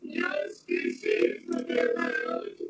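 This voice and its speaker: A man voicing a menacing male alien invader who calls in over a phone line, speaking slowly and with grand formality in a whispered growl. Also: huge pitch swings, full character voice. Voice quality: deep gravelly whispered growl. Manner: slow, threatening, grandly formal. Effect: heard over a phone line. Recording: distant roomy phone line with faint hiss.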